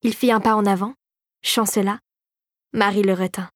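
A woman narrating a children's storybook in a clear, steady storytelling manner. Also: mid-range voice, moderate pace, no echo, clean studio sound.

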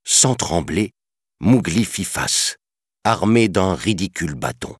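A man narrating a children's storybook in a measured, expressive reading. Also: low voice, slightly rough, no echo, studio quality.

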